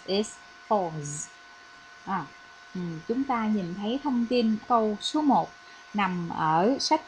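A woman's voice: on the high side, slight background noise, low-quality recording. Vietnamese woman teaching English. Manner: patient, explanatory, with frequent "à" fillers. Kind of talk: recorded classroom lesson.

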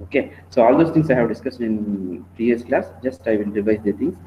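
An Indian-accented man lectures his students in an online class. He speaks at a middle pitch, halting and repeating himself as he explains. The sound is narrow and phone-like, as on a poor call connection, with noise behind the voice. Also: echoey room. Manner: halting, repetitive, often checking in with "okay". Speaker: teacher giving an online class. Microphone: online meeting call.

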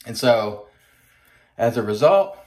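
A man's voice: mid-range voice, lively intonation, takes it slowly, a little mellow. A man in his forties, host of a shaving channel, talking earnestly and casually to the camera while he lathers and shaves in a small home bathroom. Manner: chatty, earnest, addresses viewers as folks.

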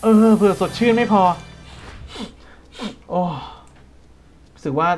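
A man with a Thai accent giving casual, jokey let's-play commentary, breaking into quick startled exclamations. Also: high voice, animated, faint music behind. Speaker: gaming streamer.

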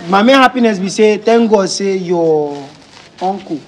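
A man's voice: sits high, animated, unhurried. A man with a Nigerian accent, acting in a comedy skit as a mediator who lectures and persuades.

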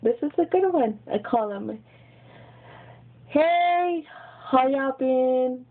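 With a high voice, lively intonation, and a slow pace, a young woman vlogger talks casually to her webcam in a small bedroom. She speaks with a Mexican American accent, having grown up in Texas before settling in Los Angeles, and she giggles, chatters, and repeats words. Her webcam's built-in mic yields tinny, lo-fi sound.

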